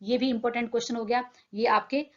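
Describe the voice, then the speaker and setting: A young female teacher talks fast in a slightly high, steady voice, explaining a textbook lesson in simple terms. She poses questions and answers them herself, and the recording has a dull, lo-fi sound.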